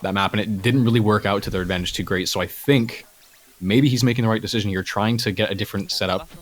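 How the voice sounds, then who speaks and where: Brief: male co-caster, measured live esports analysis, lower voice. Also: fairly even intonation. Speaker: esports co-commentator.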